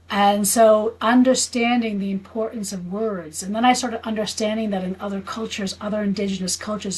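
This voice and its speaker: On poor audio, a woman in her fifties from the United States talks as an interview guest, a spiritual healer and teacher. Her mid-range voice is husky and darkish, and she explains earnestly in a conversational way, frequently seeking agreement.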